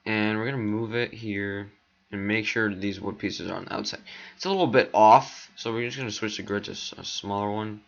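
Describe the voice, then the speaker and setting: A man's voice: fairly low pitch, fairly even intonation, brisk, vocal fry. A man walking through a tutorial in casual talk, voice cracking now and then, rambling with lots of ums while he clicks through steps. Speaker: tutorial maker. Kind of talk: casual screen-recorded tutorial. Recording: dull lo-fi mic.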